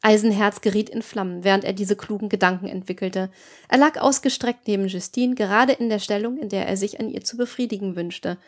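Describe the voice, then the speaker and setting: A woman narrating an audiobook in a calm, even reading voice. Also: medium pitch, brisk. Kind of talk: scripted narration.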